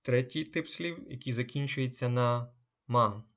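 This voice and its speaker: Man, language teacher, slow unhurried delivery, careful drawn-out example words. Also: mid-range voice, fairly bright tone. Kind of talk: unhurried lesson.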